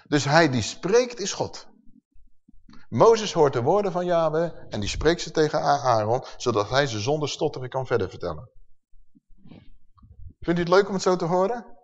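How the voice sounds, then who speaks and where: A man's voice: a little high, big pitch swings, moderate pace, long pauses. A man preaching a sermon, emphatic and full of rhetorical questions to his listeners. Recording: dull sound with long hall reverb.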